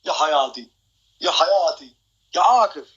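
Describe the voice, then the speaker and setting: A man's voice: a little high, expressive, normal speed, a bit bright, husky, dull audio. A young man hosting a live stream. He jokes, boasts and keeps calling out to his viewers.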